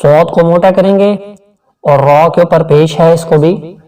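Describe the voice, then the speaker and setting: A man teaching tajweed, explaining rules quickly and then reciting each word slowly and drawn out. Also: on the high side, fairly even intonation, dark tone, far from the mic, low-quality recording. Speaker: Quran teacher. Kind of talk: tajweed lesson with slow chanted recitation.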